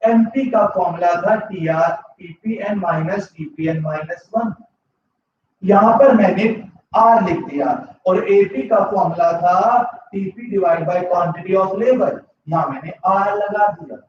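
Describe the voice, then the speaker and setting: A man talks at a slow pace in a high voice, with a little hiss or hum behind him. His sore throat is audible as he leads a live online economics class, inserts English terms and asks students to answer yes or no. The recording feels echoey, distant and a little dull.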